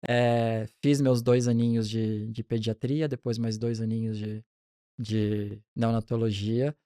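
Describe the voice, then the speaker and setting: A man in his forties, a pediatric neonatologist, telling his career story in a relaxed, chatty interview with frequent restarts. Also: mid-range voice, measured pace, clear, resonant tone, no room sound, clean studio sound.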